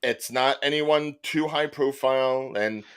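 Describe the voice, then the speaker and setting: A man hosting a casual wrestling panel chat, animated and joking. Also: medium pitch, a little slow, clean tone. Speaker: podcast host.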